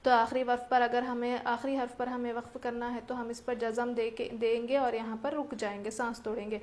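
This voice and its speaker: A woman's voice: fairly high pitch, flat delivery, a little mellow. A woman teaching Quran recitation rules, explaining each point patiently step by step and asking her listeners rhetorical questions. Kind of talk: tajweed lesson with recited examples.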